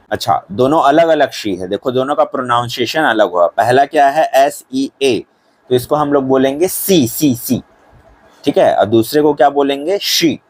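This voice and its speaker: A man teaching a school English lesson, reading English lines out slowly and then explaining each one in Hindi. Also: medium pitch, no room sound. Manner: slow, careful pronunciation drilling with repeated words.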